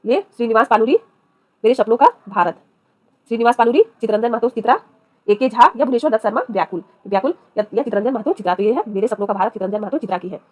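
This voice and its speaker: A woman's voice: fairly high pitch, quick pace, darkish tone, no echo. A woman teacher reads exam practice questions, then gives each answer, switching between a regional dialect and standard Hindi. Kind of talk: reading quiz questions and giving answers.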